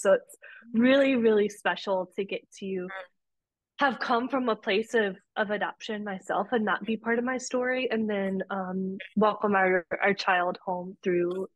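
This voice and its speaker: Brief: young adult woman guest, earnest and open, mid-pitched, dry close-miked sound. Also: no room sound. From Romania. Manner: earnest, warm storytelling with frequent restarts. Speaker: podcast guest, policy advocate. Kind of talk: conversational interview.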